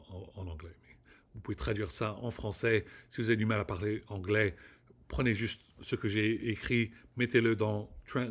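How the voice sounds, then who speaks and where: A man from Rennes in Brittany, rambling through a casual solo vlog with an excitable pep talk and casual swearing. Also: on the low side. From Rennes, Brittany, France. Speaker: vlogger.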